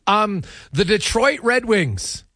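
A sports radio host with a high, bright, pushed voice talks slowly, his pitch swinging widely. He chats about hockey in a casual, chummy, conversational way, and the recording is dry.

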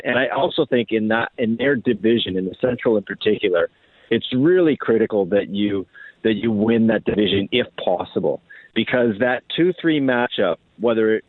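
A hockey writer joins a radio show as an interview guest by phone, offering sports analysis in a fairly low-pitched voice and often repeating and restarting his phrases. There's no room sound, and the phone line makes the audio tinny and narrow.

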